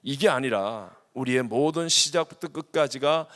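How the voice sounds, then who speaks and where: A middle-aged man preaching a sermon as senior pastor, lively and acting out prayers, with swings between loud and hushed. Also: medium pitch, normal speed. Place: large church sanctuary. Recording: long hall reverb.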